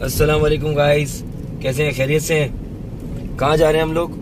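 A man's voice: fairly high pitch, little pitch movement, moderate pace, music in the background, rough recording. A man, chatting casually to viewers in a family vlog, teasing and chatty, recorded in a car by a dashboard camera. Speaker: vlogger. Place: in a car, in city traffic.

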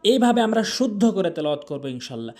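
A man teaching Quran pronunciation, chanting verses in long drawn-out tones and then correcting common mistakes in brisk explanations, repeating syllables with stress on throat sounds. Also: high voice, very animated, a little mellow.

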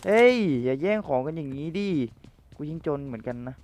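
A young man casually commentating his own game match, playful and chatty with viewers and teammates, his voice a little rough from the cold. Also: on the high side, expressive, fast talker, darkish tone, slight background noise.

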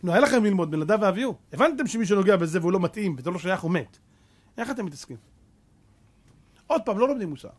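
A man's voice: sits high, expressive, long pauses. A man preaching a Torah sermon as a rabbi, fervent and full of rhetorical questions, mixing street slang with scripture.

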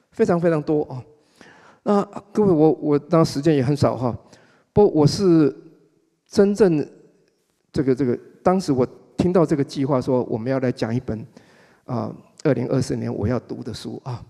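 An older man with a Taiwanese Mandarin accent giving a relaxed public talk at a book club event, chatty and wry, stretching the particles at the ends of his phrases. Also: a little high, moderate pace, creaky. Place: performance hall before an audience. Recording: long hall reverb.

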